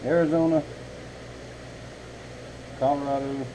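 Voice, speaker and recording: A man's voice: mid-range voice, little pitch movement, slow, noisy background. A man, a knifemaker chatting casually and folksily to his viewers from his home workshop. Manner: rambling, folksy, talks to viewers as y'all. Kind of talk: casual vlog chat.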